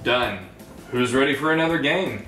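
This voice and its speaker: A man's voice: medium pitch, expressive, normal speed, close to an everyday voice. A man playing an earnest customer giving an infomercial testimonial. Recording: echoey room with music behind.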